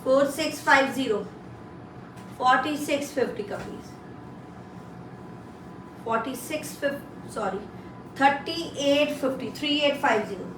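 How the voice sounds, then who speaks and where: High-voiced Indian woman pitching on live shopping. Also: a little slow, pauses often. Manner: mixes Hindi with English phrases; repeats prices and details to push buyers. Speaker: live shopping presenter selling women's clothing. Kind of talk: live online sales pitch, casual and unscripted. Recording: roomy echo, distant mic, faint noise.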